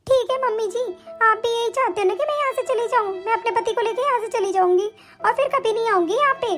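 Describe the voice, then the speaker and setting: Lady doing a bratty young daughter in a cartoon story, super high voice, talks back nonstop. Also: fast talker, a bit bright, faint music behind. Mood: defiant. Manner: argumentative, defiant, scornful. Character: spoiled stubborn married daughter, young woman. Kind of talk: animated story voice acting.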